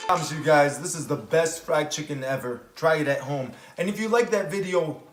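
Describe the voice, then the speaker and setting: A man's voice: a little high, normal speed, over music. Upbeat man hosting a cooking video. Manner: upbeat, enthusiastic, talks straight to viewers. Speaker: cooking show host. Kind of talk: home cooking video narration. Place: home kitchen. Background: oil frying and sizzling.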